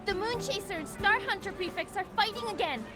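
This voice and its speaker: A woman putting on an excited young student, calling out urgently. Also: extremely high pitch, a little fast, music in the background, voice pushed up.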